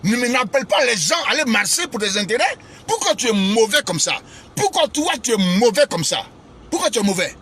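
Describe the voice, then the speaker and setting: A man's voice: very high-pitched, big pitch swings, brisk, pushed and bright, husky. A man preacher, giving an impassioned, scolding address to his followers online and hammering the same phrases over and over. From Côte d'Ivoire. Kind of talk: impassioned social media address.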